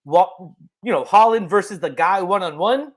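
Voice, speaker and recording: A young man co-hosting a casual sports podcast, excitable and rambling with lots of fillers. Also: sits high, moderate pace. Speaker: podcast co-host.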